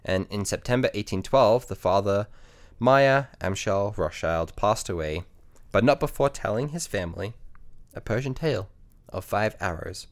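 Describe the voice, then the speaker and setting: Deep-voiced man telling a history story. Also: normal speed. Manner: relaxed, hesitant, many ums and restarts. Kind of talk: casual storytelling chat.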